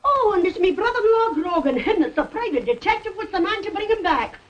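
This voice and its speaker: An actress playing a brisk household servant in screwball comedy banter, distant on an old film soundtrack. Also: female voice, extremely high pitch, sing-song, dull audio. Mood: eager.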